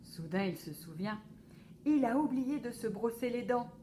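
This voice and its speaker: A woman reading a children's picture book aloud for a library, slow and expressive. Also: on the high side, background noise. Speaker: library storyteller.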